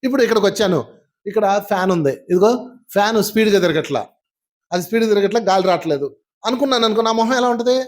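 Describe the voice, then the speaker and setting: A man giving a spiritual class, telling stories in a lively way and putting questions to his audience. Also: high voice, racing. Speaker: spiritual teacher.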